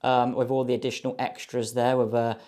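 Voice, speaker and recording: A man's voice: mid-range voice, little pitch movement, a little fast, dark tone. A young man chatting casually as he opens a box of trading cards, enthusiastic and full of ums and guesses. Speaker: card box opener. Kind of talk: casual box-opening commentary.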